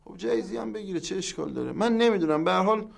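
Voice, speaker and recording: Brief: a high-voiced eldest son, all bluster, folds quickly under pressure. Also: male voice, expressive, creaky, exaggerated voice. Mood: arguing. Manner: blustering then meekly giving in. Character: excitable grown son, quick to bluster and then back down. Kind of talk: sitcom acting.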